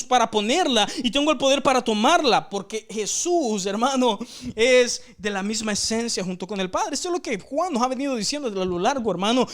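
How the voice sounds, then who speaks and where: Teaching with earnest conviction, a very high-pitched man runs a Bible study, and he often addresses listeners as brother and repeats phrases to stress his points.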